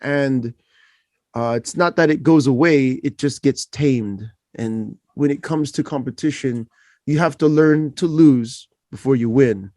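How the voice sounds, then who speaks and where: A man's voice: mid-range voice, unhurried, dark tone, dry recording, studio quality. A man hosting a casual podcast interview, who jokes and laughs often as he talks. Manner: laughs often, friendly and joking. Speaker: podcast host. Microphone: podcast microphone.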